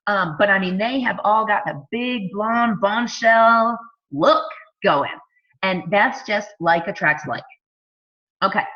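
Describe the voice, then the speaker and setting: A woman's voice: medium pitch, takes it slowly, dull audio. A woman in her thirties, a fitness coach, giving a casual sales talk full of "like", "you know" and rhetorical questions. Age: 30s.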